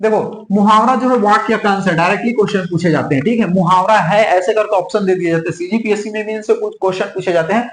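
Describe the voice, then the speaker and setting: Man teaching exam prep, high voice, repeats every point, echoey room. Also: quick pace, hardly any pauses, a bit bright. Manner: repetitive, drills points with frequent "theek hai". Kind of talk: online exam-prep lesson.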